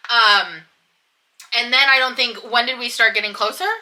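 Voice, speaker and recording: Bright, forceful woman chatting candidly. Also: fairly high pitch, fairly even intonation, normal speed. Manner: candid, emphatic storytelling with frequent "like". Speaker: vlog host. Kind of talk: casual sibling chat in a mukbang video.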